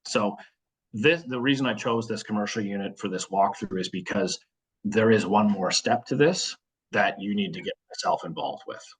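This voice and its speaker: A man's voice: lowish voice, normal speed, husky, poor audio. A man explaining product selections in a webinar walkthrough, practical and full of fillers.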